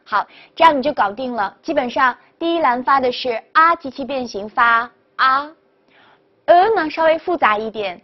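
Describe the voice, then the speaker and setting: A woman teaching French pronunciation in a video lesson, upbeat and quick to praise, repeating each model word. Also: high voice, lively intonation. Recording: dull lo-fi recording.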